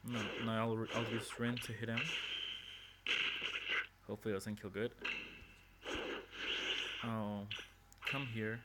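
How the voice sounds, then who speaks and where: Recorded through a phone microphone over loud game music, this casual game walkthrough carries heavy background noise. The commentator thinks aloud about his strategy with hesitant restarts, speaking slowly in a fairly low, level voice and pausing often.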